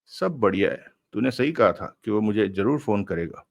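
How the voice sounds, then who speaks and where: A man's voice: on the low side, expressive, normal speed, gravelly, a little mellow. A man voicing a scheming young woman in an audiobook, eager and conspiratorial. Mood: excited.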